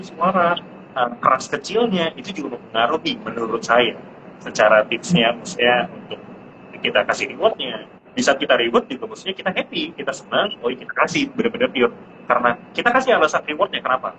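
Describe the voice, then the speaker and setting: Chatting casually on a live stream, a father in his thirties shares advice on parenting. Now and then his voice shoots up high as he mimics his kid, and the audio comes through muffled with noise behind it.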